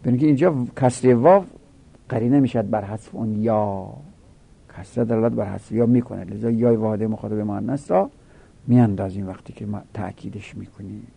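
A man's voice: on the low side, vocal fry, dark tone, slightly rough. A middle-aged man teaching a grammar lesson, reciting word forms in rhythmic drills and rising with emphasis on key points.

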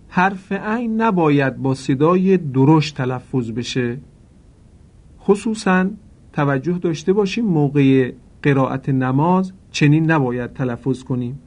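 Speaking formally to his listeners, a man with a fairly high, darkish voice gives a lesson on pronouncing Quran recitation correctly, stretching example words out slowly and with care.

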